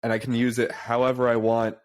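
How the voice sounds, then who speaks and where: A young man hosting a casual podcast over a remote call, talking in a relaxed, chatty way. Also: medium pitch, fairly quick. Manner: relaxed, chatty, says "dude" and "uh" often. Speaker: podcast host, pharma sales rep.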